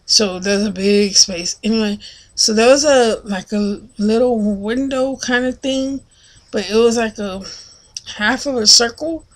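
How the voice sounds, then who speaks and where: Chatty woman telling a rambling story. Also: unhurried. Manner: rambling, chatty, with many fillers and restarts; acts out other people's lines in a loud, high voice. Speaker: vlogger. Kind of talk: casual storytelling monologue.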